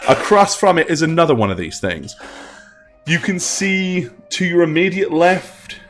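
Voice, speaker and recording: Slow, hesitant man running a tabletop game. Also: a little high, expressive, a bit bright, soft background music. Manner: unhurried, hesitant with frequent ums. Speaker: game master.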